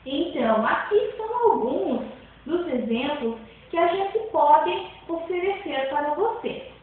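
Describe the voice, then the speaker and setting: A woman teaches a grammar lesson in a high, lively voice, taking her time and circling back to each point. She stops often to check that her listeners follow. She sounds far off in a very echoey room, with thin, phone-like sound. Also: slow pace. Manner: repeats points, frequent checks for understanding.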